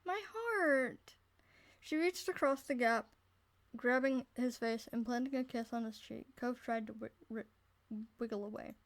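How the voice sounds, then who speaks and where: A woman's voice: fairly high pitch, steady tone, normal speed. A woman reading a visual novel aloud, stumbling over words and breaking off to joke and swear. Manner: reads aloud with many restarts, breaks off to comment and swear. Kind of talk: casual let's-play narration and chat.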